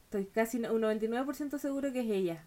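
A woman's voice: a little high, rapid-fire, mellow. A young woman with a Chilean accent, co-hosting a casual chat and teasing her friend in a chatty, laughing way. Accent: Chilean Spanish. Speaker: podcast co-host.

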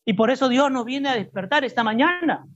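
A husky man preaches to his church congregation, pressing his points and throwing questions back at the room. The recording sounds muffled and dull. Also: very high voice, expressive, brisk, a bit bright. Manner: emphatic, asks the congregation rhetorical questions. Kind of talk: sermon. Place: church service before a congregation.

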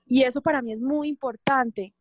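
A woman chatting on a radio show in an enthusiastic, animated way. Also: high voice, normal speed, no room sound. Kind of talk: casual radio chat.

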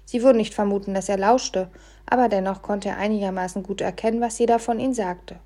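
Woman audiobook reader, mellow warm tone, expressive first-person narration. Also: medium pitch, fast. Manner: expressive, shifts between hushed and loud for the scene.

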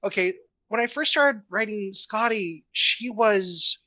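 A woman's voice: medium pitch, takes it slowly, sharp tone, low-quality recording. A woman in her thirties, a podcast co-host and writer, telling stories in a loose, profane, filler-heavy way. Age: 30s. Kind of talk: casual podcast chat.

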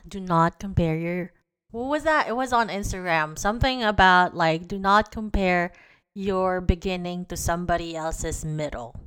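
A woman's voice: lowish voice, fairly bright tone, smooth. A woman in her twenties hosting her own podcast, chatting candidly and profanely, full of slang, laughing at herself and calling her listeners guys. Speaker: podcast host. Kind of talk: casual confessional podcast chat.

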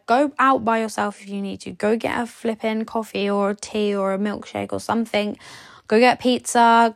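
Young woman podcasting, gravelly and a bit high, sleepy, super blunt, dry close mic. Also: no room sound. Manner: blunt, chatty, swears, many "like" fillers. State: sleepy, yawning. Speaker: podcast host. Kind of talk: casual advice monologue.

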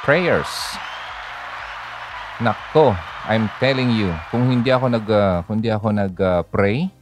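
A man's voice: fairly low pitch, unhurried, crowd noise, background noise. A man hosting a radio talk, chatting casually about grief and faith, full of fillers and little "ha?" tags. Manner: chatty, code-switching, many fillers and "ha?" tags. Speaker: radio host.

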